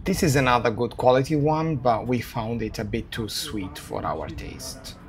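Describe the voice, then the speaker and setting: A man's voice: medium pitch, moderate pace. A man in his forties chatting as he guides a food tour, eager and talkative. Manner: enthusiastic, chatty. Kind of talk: casual food tour chat. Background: music.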